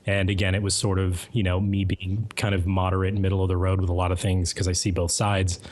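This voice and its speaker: A man, a guest mod author, giving long, even-tempered answers in a casual interview. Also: low-pitched. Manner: measured, hedging, lots of fillers.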